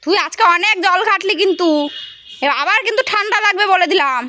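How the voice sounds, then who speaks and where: A woman's voice: very high voice, quick pace, pushed and bright. A mother calling to her toddler in coaxing baby talk, repeating short sing-song calls.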